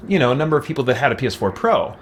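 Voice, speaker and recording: Racing along with big pitch swings in a mid-range voice, a man streams a game and answers viewer comments casually, though hesitantly and searching for words. Faint music plays underneath, with slight background noise.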